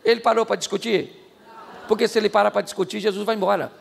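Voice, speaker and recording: A Brazilian man preaching a sermon as pastor, animated and joking, shouting out the lines he acts out. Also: high-pitched, fast, creaky. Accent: Brazilian Portuguese. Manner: animated, jokey, shouts acted-out quotes. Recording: reverberant hall, faint ambience.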